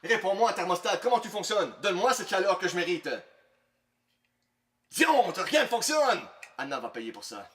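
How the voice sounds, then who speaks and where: Casting: male comic as pompous whining millionaire, easily outraged, high bright voice, parody sketch. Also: big pitch swings, normal speed, pauses often. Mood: demanding, exasperated. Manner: pompous, whiny, theatrical. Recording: roomy echo, faint noise.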